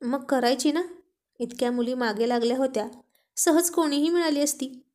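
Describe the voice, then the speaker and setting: Brief: woman narrator voicing a playful young wife in a storybook romance, high-pitched. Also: steady tone, normal speed, a little mellow, close to an everyday voice. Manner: playful, coaxing. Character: witty affectionate young wife.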